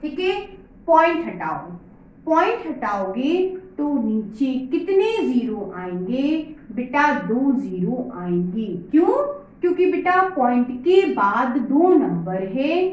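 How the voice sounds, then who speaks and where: A woman teaches children a maths lesson at a whiteboard, speaking slowly and in a lively, fairly high voice. She is patient, calls her pupils "beta," and asks questions only to answer them herself. The room is very echoey, with faint background noise.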